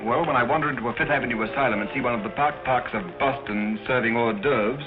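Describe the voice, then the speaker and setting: An actor playing a breezy, nosy society man in 1930s screwball film style, with brisk, bantering delivery. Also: medium pitch, lightly acted. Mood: curious, teasing. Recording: muffled 1930s film soundtrack with music.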